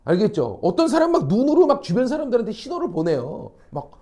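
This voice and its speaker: A man's voice: extremely high pitch, fast. A man teaching a classroom lecture, casual and blunt with his students, acting out quoted people and checking constantly that they follow. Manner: animated, acts out quoted people. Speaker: academy teacher.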